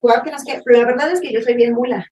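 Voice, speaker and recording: Animated Mexican woman telling stories. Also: on the high side, rapid-fire, far from the mic, muffled recording. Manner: animated storyteller, acts out phone calls in voices. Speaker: podcast co-host. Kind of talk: casual chat.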